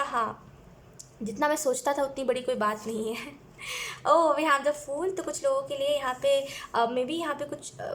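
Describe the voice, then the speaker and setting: A woman with a high voice gives a casual tarot reading. She talks in a chatty way, laughs often and slips English phrases into her speech. Faint room ambience hums behind her. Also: a little hiss or hum. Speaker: tarot reader.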